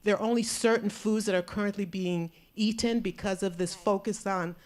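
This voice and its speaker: A woman's voice: mid-range voice, steady tone, moderate pace, darkish tone. Chatty woman speaking from the audience. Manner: meandering, chatty, laughs lightly. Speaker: audience member. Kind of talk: audience comment at a conference. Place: conference hall.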